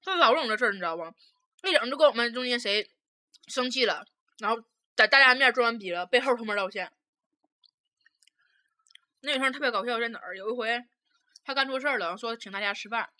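A young woman with a Northeastern Mandarin accent hosts a casual chat, telling stories bluntly and with plenty of swearing. Her voice sits a little high and sounds bright and sharp, and she talks at a fast clip. She laughs often as she goes. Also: lively intonation. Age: young adult. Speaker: podcast host.

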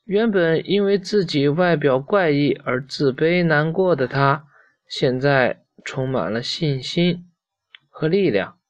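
A man slowly reading a children's story aloud to a child, in a gentle storytelling manner. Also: on the high side, animated, no room sound, lo-fi sound.

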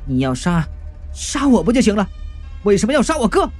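A man voicing a grief-stricken young man who shouts in raw, anguished fury. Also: high-pitched, very animated, brisk, soft background music. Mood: anguished rage.

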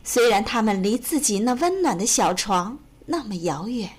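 A woman storyteller reading a children's storybook aloud in a gentle, expressive way. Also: fairly high pitch, moderate pace, slightly rough. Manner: gentle, expressive, sing-song.

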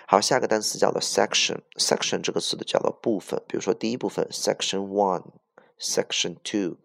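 Low gravelly-voiced male English teacher. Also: fairly bright tone. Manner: spells words letter by letter, mixes in English; self-correcting, with many fillers. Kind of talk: vocabulary lesson.

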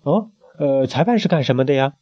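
A man voicing a haughty, spoiled and childish queen who squeals orders in a high voice. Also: lively intonation, a little fast, warm tone, natural voice. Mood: bossy shrill. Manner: shrill, bossy, squealing. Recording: muffled lo-fi home recording.

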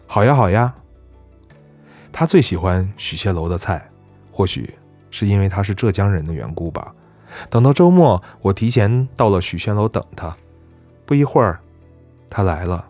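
A man reads a story aloud in a calm, conversational style. His voice sits low and mellow, recorded close and dry, with soft music faintly underneath. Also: dry recording. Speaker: narrator. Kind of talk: scripted story narration.

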